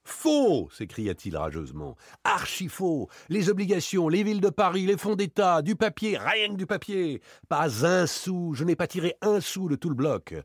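A man reading an audiobook, voicing a suave, proud gentleman burglar with ironic, theatrical outbursts. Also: medium pitch, very animated, normal speed, no echo, clean studio sound, pitched above the performer's own voice. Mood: furious.

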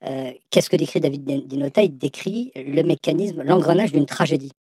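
A man in his fifties, an anonymous teacher, answering radio interview questions with a hesitant, halting delivery through a voice changer. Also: fairly high pitch, warm tone, slightly rough, no echo, clean studio sound. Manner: hesitant, halting, many restarts. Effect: voice disguised by a voice changer.

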